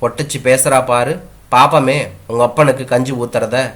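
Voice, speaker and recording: A man voicing a blunt, mocking old village grandmother in a read-aloud story, using his own mid-pitched voice. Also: steady tone, moderate pace, a bit bright, lightly acted.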